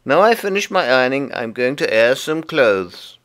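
A man's voice: mid-range voice, lively intonation, moderate pace, a bit bright, pitched above the performer's own voice, natural voice. A man voicing a fussy, polite, stout little hedgehog washerwoman in a storybook, with a flustered, deferential manner. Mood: busy, proud. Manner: bobbing, deferential, flustered, eager to explain. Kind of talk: storybook character voice.

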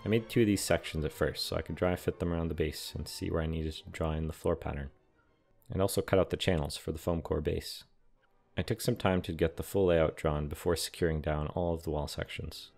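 A young man giving a calm, matter-of-fact scripted voice-over explaining how he builds a large model. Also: a bass voice, fairly quick, vocal fry. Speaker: scale model and terrain builder. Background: soft background music.

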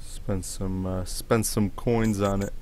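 A man's voice: low voice, little pitch movement, slow, noisy background. A man hosting a gaming video with casual commentary, reacting aloud to what appears on screen.

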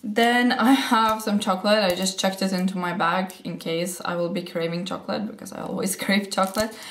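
A young beauty and fashion vlogger in her twenties eagerly talks through what she keeps in her handbag, chatty, gushing, and a little breathless. Her mid-range voice is throaty from a cold, fairly even in intonation, and fairly quick. She's close to a camera in a sunny room at home, with roomy sound and a little hiss or hum.

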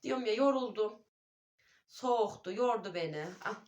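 A woman's voice: on the high side, expressive, moderate pace, a little mellow, muffled recording. Chatty woman vlogging from home. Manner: chatty, keeps calling viewers dear friends. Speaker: vlogger and mother. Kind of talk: casual home vlog chat. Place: at home indoors.

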